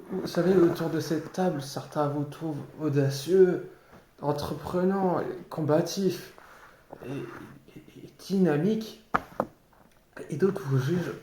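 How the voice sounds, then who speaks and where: A man improvising a theatrical tirade in a sardonic, mock-polite way, halting and repeating his words. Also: fairly high pitch, mellow. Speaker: amateur actor improvising a monologue. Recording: roomy echo, clearly noisy background, clicks.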